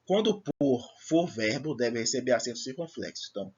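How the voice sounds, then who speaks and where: A man's voice: mid-range voice, expressive, brisk, slightly rough, dull audio. A man teaching a recorded lesson, explaining step by step in a patient way and checking that his students follow. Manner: patient, explanatory, checks understanding with "certo?" and "tá bom?".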